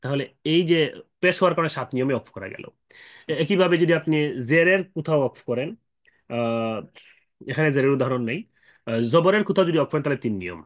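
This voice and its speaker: Guy teaching quran recitation, kinda high voice, lots of um and ah, asks "right?" a lot, stretches the verses slow. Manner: explains patiently with frequent fillers and checking questions; slow drawn-out chanted Quranic recitation examples. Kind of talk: explanatory tajweed lesson.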